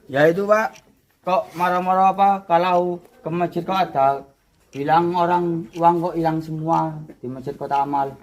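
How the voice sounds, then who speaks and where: A man heckles and goads his opponent, urging him to confess. His voice sits slightly high. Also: fairly even intonation, normal speed. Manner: goading, heckling.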